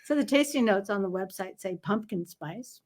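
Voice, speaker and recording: A woman's voice: medium pitch, animated, normal speed, a little mellow. A middle-aged woman co-hosts a casual wine podcast. Her voice sits in a middle range, and she teases her partner in easy, playful banter. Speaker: podcast co-host. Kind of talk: casual wine-tasting chat.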